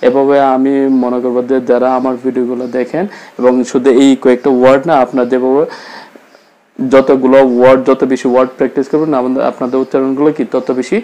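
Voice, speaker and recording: Male teacher, mid pitch, patient demo style, repeats each sound and stretches the vowels. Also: level tone, warm tone, low-quality recording. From Bangladesh. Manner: slow, repeats sounds and drawn-out vowel demos. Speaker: English teacher. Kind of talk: spoken pronunciation lesson.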